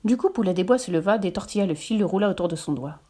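A woman reading a children's storybook aloud in a gentle, lively narration. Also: medium pitch, fast, slightly rough.

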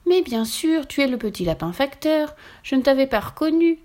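Woman doing a lonely kind witch woman, high and sing-song, storybook. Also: sing-song, moderate pace, a little mellow. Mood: wistful. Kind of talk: storybook reading.

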